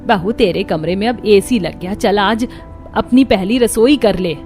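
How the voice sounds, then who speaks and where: A woman's voice: medium pitch, unhurried, a little mellow, soft background music, lightly acted. A woman voicing an irritable, boastful middle-aged mother-in-law in a cartoon. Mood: scolding. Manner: scolding, boastful.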